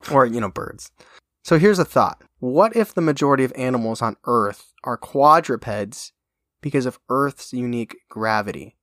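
A man's voice: medium pitch, lively intonation, moderate pace, a bit bright, no room sound. Young guy riffing on a podcast, jokey, keeps correcting himself, dry mic. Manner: rambling, joking, self-correcting. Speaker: podcast host. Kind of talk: casual chat.

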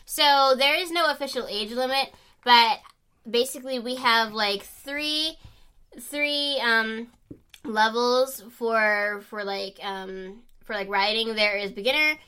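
A woman's voice: a little high, slow pace, bright, forceful tone, clean tone. A young teenage girl co-hosting a casual podcast, chatty and rambling, with fillers and giggles. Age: teens. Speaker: podcast co-host. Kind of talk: casual chat.

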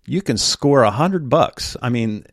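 A man's voice: medium pitch, animated, a little slow, no echo, studio quality. A man hosting a political talk radio show, urging listeners to act locally in an urgent, rallying way.

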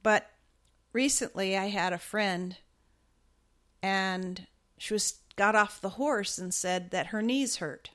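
A woman's voice: mid-range voice, takes it slowly, fairly bright tone. Lady riding teacher, easygoing chat, walks you through it step by step, fixes her slips as she goes. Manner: chatty, step-by-step, with small self-corrections. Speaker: riding instructor. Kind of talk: casual instructional talk.

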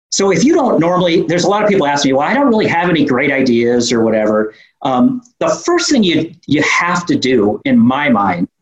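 A man with a New York accent giving informal, explanatory answers in a conversational interview. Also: medium pitch. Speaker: guest business owner. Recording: echoey room sound.

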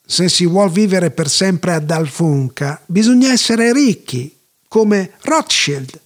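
A clever, humble village sexton in a storybook, read by a male narrator. His voice is high and husky, and he explains things plainly. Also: expressive, slow pace, full character voice. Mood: explaining.

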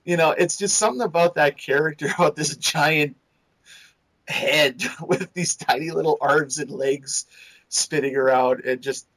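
A man's voice: fairly high pitch, unhurried, fairly bright tone, rough recording. A man co-hosting a casual podcast chat, rambling and restarting his sentences. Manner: rambling, restarts often, laughs while describing. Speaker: podcast co-host. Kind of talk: casual chat reviewing a cartoon series.

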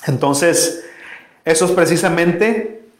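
A man's voice: on the high side, takes it slowly, echoey room. A man preaching a sermon as a pastor, talking conversationally and asking his congregation questions.

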